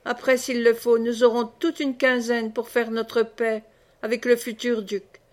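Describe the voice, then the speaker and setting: A woman's voice: a little high, little pitch movement, a little slow, lightly acted. A woman reading the part of a blustering, swearing knight commander in an audiobook. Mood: rousing.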